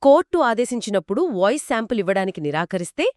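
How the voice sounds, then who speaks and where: Co-hosting a scripted legal explainer, a woman speaks fast and very animatedly in an assured, explanatory manner. Her medium-pitched voice has a darkish tone, captured in studio quality with no room sound.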